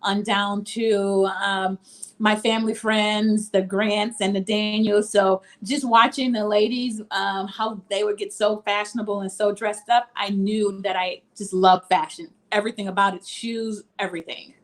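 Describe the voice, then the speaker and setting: A woman's voice: mid-range voice, fairly even intonation, measured pace. A woman from Mississippi, a boutique owner, talking casually in an interview over a video call with frequent ums.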